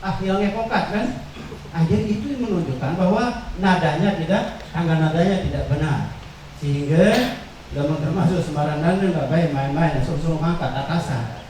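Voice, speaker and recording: A man teaching a workshop on traditional verse, explaining slowly with many fillers and repeated words. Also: on the high side, darkish tone, slight background noise. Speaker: workshop instructor. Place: workshop room. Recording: echoey room, far from the mic.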